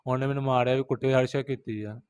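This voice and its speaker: A man's voice: mid-range voice, steady tone, fast talker, a little mellow, clear, resonant tone, no echo. A man with a Pakistani Punjabi accent, a rickshaw driver interviewed in the street, recounting events and quoting others over and over.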